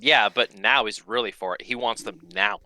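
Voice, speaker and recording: A man's voice: lowish voice, normal speed, pushed and bright. A man in a laid-back, teasing group chat with friends on a voice call.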